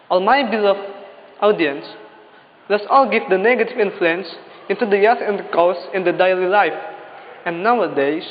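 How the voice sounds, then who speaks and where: A young man with an Indonesian accent delivers a memorized competition speech in a formal, declamatory, exhortative manner. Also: high voice. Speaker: speech contestant. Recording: dull lo-fi, echoing hall, faint noise.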